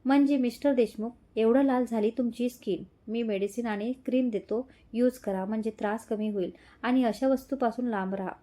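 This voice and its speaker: A woman's voice: on the high side, moderate pace, dark tone, lightly acted. A woman voicing a male doctor giving firm, careful advice to a patient. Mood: professional. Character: male doctor, briskly professional.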